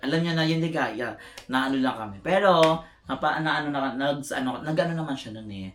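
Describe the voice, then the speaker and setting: A woman's voice: sits low, fairly quick. A woman casting votes in a casual chat, hesitant and searching for words, giggling now and then. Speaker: housemate casting eviction votes. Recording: roomy echo.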